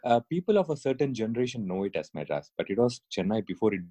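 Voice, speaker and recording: A man's voice: fairly low pitch, very animated, quick pace, dark tone, dry recording. A man from India, a neurologist, chatting as a podcast guest, hesitant with many fillers and easy laughs. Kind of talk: casual interview chat.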